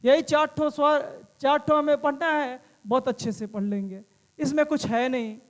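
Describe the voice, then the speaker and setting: High-voiced man teaching with lots of repetition. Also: fairly even intonation, normal speed, in a large hall. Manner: repeats questions and answers them himself; calls students "friend". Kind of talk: exam-prep lesson.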